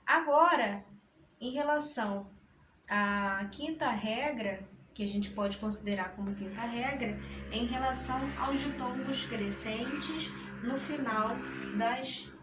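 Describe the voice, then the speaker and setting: Slow, deliberate woman teacher. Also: on the high side, recorded from a distance. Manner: deliberate, splits words into syllables. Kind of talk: explaining a grammar lesson at a board. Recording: roomy echo, voice from the mic, faint noise.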